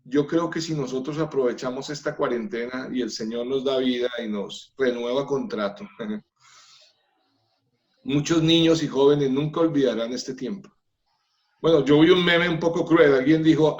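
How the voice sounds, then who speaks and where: A man's voice: mid-range voice, moderate pace, a little mellow, dull audio. A man from Colombia, a pastor, speaking earnestly about family in a church workshop talk, with light laughs.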